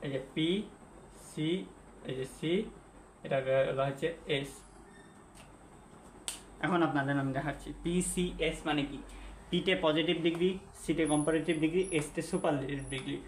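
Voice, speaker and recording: A man's voice: on the high side, steady tone, normal speed. Echoey male teacher explaining at a whiteboard. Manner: repeats and spells out words, asks the viewer questions. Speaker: English teacher. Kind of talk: classroom-style lesson at a whiteboard. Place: classroom or room with a whiteboard. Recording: echoey room with faint background hum.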